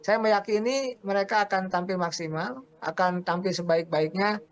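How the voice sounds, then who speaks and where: A man speaking as a political analyst in a remote interview, deliberate and repeating phrases for emphasis. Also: high voice, muffled recording.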